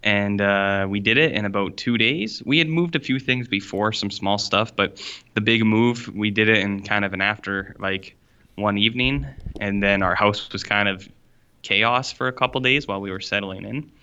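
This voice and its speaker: Dude podcasting, forceful voice, jokey and slangy, dull boxy fishbowl room sound. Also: male voice, lowish voice, moderate pace, clean tone. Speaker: podcast co-host. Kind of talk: casual podcast chat. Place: borrowed room at a university.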